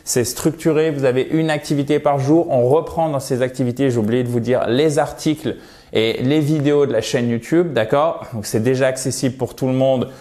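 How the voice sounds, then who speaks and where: With a steady, warm mid-range voice at a fairly quick pace, this man teaches English pronunciation in a relaxed video lesson. He checks in often with "ok?" and "d'accord?", explains step by step, and demonstrates sounds by repeating them.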